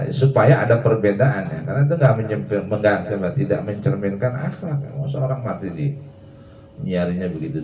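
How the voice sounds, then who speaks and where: Ustadz with a low, dark, distant voice. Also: male voice, slight background noise. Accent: Indonesian. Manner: reads Arabic text slowly then explains in casual Indonesian. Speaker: ustadz teaching a religious text. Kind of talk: evening religious study lecture. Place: mosque or prayer hall at night. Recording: roomy, distant mic, faint crickets.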